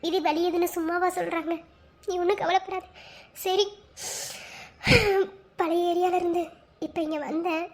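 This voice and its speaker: A woman voicing characters in a cartoon story, with a very high voice. She talks in a soothing, coaxing way. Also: flat delivery, measured pace, long pauses, darkish tone. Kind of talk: cartoon voice acting.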